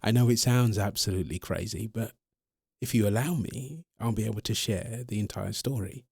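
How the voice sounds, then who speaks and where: In a clean studio recording with no echo, a man speaks in a lowish, creaky voice with a darkish tone and a breathy edge, at a moderate pace. He plays an earnest vampire, centuries old and in love, polite yet insistent, in a one-sided interview framed as an ASMR audio roleplay.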